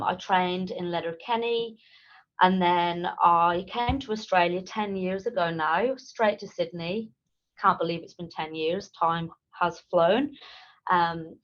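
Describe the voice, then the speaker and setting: A woman's voice: on the low side, a bit bright, dull audio. A woman, a nurse speaking as a guest on a casual interview, enthusiastic and full of ums. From Ireland.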